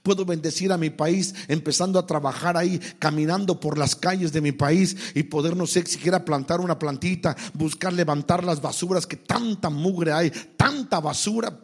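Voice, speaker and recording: A Mexican man preaching a sermon with a Mexican accent, swinging between loud exhortation and quiet asides, then leading the congregation in prayer. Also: high-pitched, creaky, husky. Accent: Mexican Spanish. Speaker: pastor.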